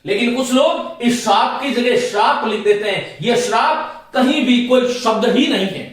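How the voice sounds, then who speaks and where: High-voiced man teaching in an echoey room. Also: unhurried, recorded from a distance. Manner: repetitive, explaining step by step and addressing students as friends. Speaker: Hindi grammar teacher. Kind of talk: classroom lecture for exam students.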